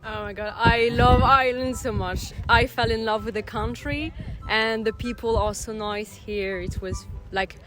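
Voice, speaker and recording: A woman's voice: a little high, steady tone, measured pace, hardly any pauses. A woman visiting a town, chatting casually in a street interview. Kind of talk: casual chat. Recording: outdoor street noise.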